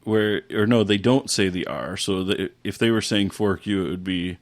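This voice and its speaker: A man's voice: low voice, normal speed, no echo, studio quality. A man co-hosting a casual podcast chat. He is wry and self-deprecating, and he often stammers and restarts his phrases. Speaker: podcast co-host.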